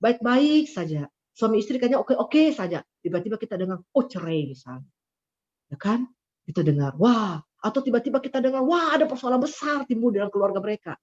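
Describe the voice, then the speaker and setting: A woman preacher, giving a lively sermon over a video call and acting out quoted people in high voices. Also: fairly quick. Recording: dull lo-fi video call audio.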